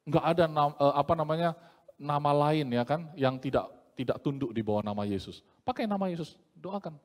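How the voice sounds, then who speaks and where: A man preaching a sermon in a lively, joking way, often acting out the voices he quotes. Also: fairly high pitch, fairly quick, long reverb tail.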